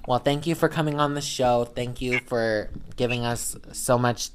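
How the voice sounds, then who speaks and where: A woman's voice: a bass voice, fairly even intonation, moderate pace, slight background noise. A young woman from Montana hosting a podcast in casual, joking, self-deprecating chat. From urban Montana, United States. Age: young adult. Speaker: podcast host.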